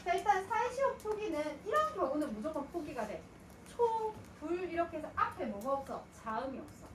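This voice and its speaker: Animated high-voiced woman teaching grammar. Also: fairly quick, a little hiss or hum. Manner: asks and answers her own questions, voicing students. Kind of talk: lecture. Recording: echoey room, mic at a distance.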